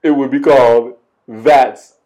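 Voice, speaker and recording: A man co-hosting a podcast in casual chat, joking and swearing with deadpan asides. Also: mid-range voice, takes it slowly. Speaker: podcast co-host.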